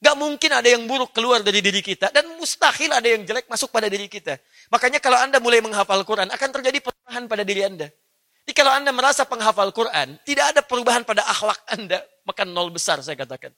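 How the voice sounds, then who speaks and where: A man's voice: very high voice, fast, bright, forceful tone. A man preaching in a religious study lecture, speaking straight to his listeners and often asking them rhetorical questions. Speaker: Islamic preacher.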